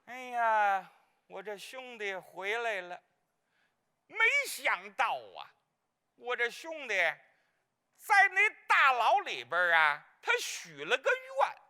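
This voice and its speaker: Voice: sits high, pushed and bright, full character voice. A performer playing a comic, gossipy married woman in Peking opera, speaking with a Beijing accent in a rambling, bumbling way. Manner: rambling, bumbling, fumbles names. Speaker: clown role in a staged opera.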